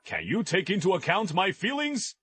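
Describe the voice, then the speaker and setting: A man voicing an excitable, envious Taoist sect elder in an overacted anime dub, with a husky voice and a theatrical, pleading and grumbling manner. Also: high voice, normal speed, background noise. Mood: exasperated, envious.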